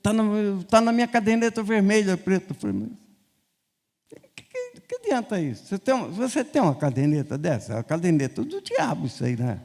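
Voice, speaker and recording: A man's voice: sits high, fast, vocal fry, few pauses. An older man with a Brazilian Portuguese accent, a bishop telling stories in a sermon and acting out the dialogue in voices. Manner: animated, acts out dialogue in quoted voices. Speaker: bishop preaching. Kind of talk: storytelling sermon. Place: church sanctuary. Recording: long reverb in a church hall.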